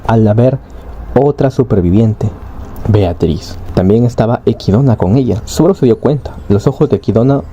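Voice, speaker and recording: A man's voice: fairly low pitch, normal speed, warm tone, muffled recording, a little hiss or hum. A man casually recapping a novel's plot, chatty, with frequent tag questions and fillers. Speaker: anime story recapper.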